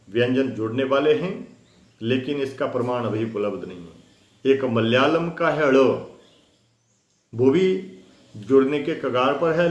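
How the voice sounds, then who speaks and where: Roomy-sounding male Hindi grammar teacher. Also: medium pitch. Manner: explains slowly with many fillers, spells out sounds. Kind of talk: spoken lesson. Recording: roomy echo.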